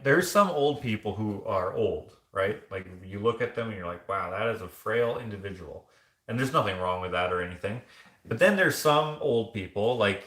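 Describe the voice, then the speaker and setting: A man's voice: on the low side, fairly bright tone, roomy sound. A man hosting a casual live vlog, chatting loosely and rambling with many fillers and restarts as he reads viewer comments. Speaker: vlogger.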